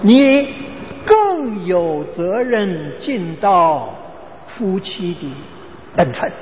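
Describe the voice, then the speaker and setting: A man preaches in an earnest, emphatic voice, stretching out key phrases as he tells a story. His voice sits unusually high for a man. The recording is dull and muffled, with a long echo and faint background hiss. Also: very animated, extremely slow. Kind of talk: sermon storytelling. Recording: dull echoey hall with faint noise.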